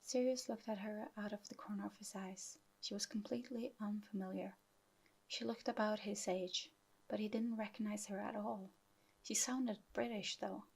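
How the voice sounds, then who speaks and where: A woman narrating a fan fiction audiobook in a soft, half-whispered delivery. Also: medium pitch, fairly even intonation, normal speed, vocal fry, husky, poor audio.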